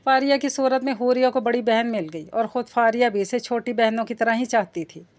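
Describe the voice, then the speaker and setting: A woman narrating a romance novel aloud in a steady storytelling manner. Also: on the high side, fairly quick. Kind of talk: audiobook novel reading.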